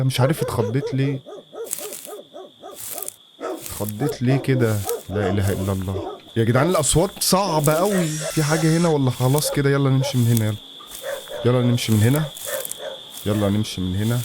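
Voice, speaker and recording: A man's voice: mid-range voice, noisy background. Jumpy Egyptian man playing a horror game. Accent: Egyptian Arabic. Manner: jumpy, talks to himself, nervous mutterings. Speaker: gaming channel host. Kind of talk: horror game let's-play commentary.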